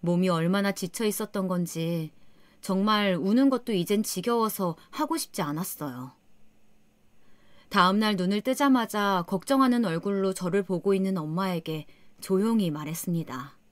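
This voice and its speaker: A woman's voice: mid-range voice, animated, moderate pace, dry recording. A woman narrating her own story in the first person, earnest and emotional.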